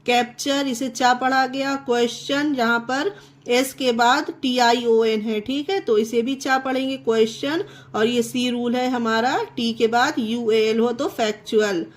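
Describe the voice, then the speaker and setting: A woman with a high voice teaches English pronunciation in a classroom style. She talks slowly and spells each word out letter by letter. She keeps checking that her viewers follow. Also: fairly even intonation. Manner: slow, repeats words and spells them out letter by letter.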